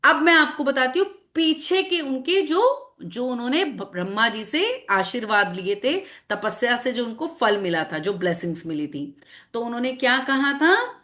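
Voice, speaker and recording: A woman teacher telling a scripture story to children in an online class, animated and asking them questions as she goes. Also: a little high. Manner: animated, repeats phrases, asks children questions. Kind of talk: storytelling lesson to children with slides.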